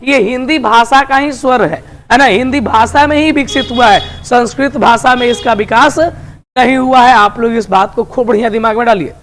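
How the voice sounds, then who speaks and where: The Hindi grammar teacher has an extremely high, somewhat bright voice at normal speed, with a slight hiss or hum in the recording. Throughout his online lesson he nudges students along as dear and friends, repeatedly ending sentences with tag questions.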